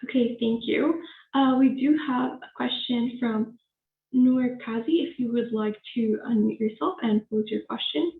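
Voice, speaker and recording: A woman moderating an online Q&A, reading questions from the chat. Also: a little high. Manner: brisk, reads questions from the chat. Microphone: video call. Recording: tinny phone-like call audio in an echoey room.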